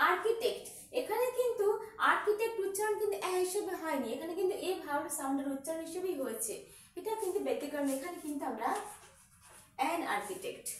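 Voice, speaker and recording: Woman, teacher, Bengali accent, high voice, repeats examples, asks the class questions, very echoey room, mic far off. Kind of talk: classroom grammar lesson.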